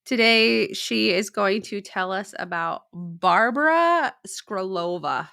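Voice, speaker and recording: A woman's voice: medium pitch, expressive, slow, vocal fry, bright, forceful tone, smooth, dry recording, clean studio sound. A woman hosting a casual true crime podcast, upbeat and chatty, often laughing at her own stories. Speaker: podcast host.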